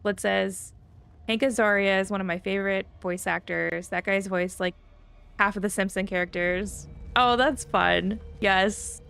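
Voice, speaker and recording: Her voice is medium in pitch, clear and resonant, a bit bright, with vocal fry and fairly even intonation at a slightly slow pace. She's a woman streaming an online fantasy game, casually chatting, thinking out loud, and reading viewers' comments as faint game music plays.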